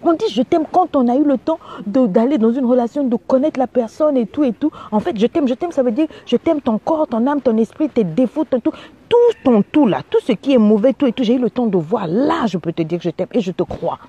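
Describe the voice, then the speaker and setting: Woman from Africa, fiery coach-preacher, husky and mellow, scolds and acts out dialogue. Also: fairly high pitch, brisk, highs cut off. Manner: animated, scolding, acts out quoted dialogue, frequent "hein?". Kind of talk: exhorting sermon-style advice talk.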